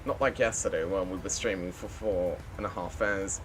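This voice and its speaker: A man's voice: low voice, normal speed. Casual male flight sim streamer, faint noise. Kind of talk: casual live-stream chat with pilot radio calls.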